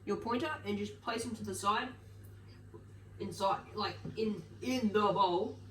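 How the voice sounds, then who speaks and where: Recorded from a distance in an echoey room with household noise, this vlogger has a nasal, medium-pitched voice and a measured pace. Moving through her kitchen and other rooms indoors, she rambles casually through a get-ready-with-me video, full of fillers and self-corrections, her voice off-mic.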